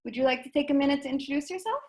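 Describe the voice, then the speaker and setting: Higher-voiced woman hosting a video call. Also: animated, very fast, a little mellow. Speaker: host of an online speaker session. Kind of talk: scripted introduction and interview.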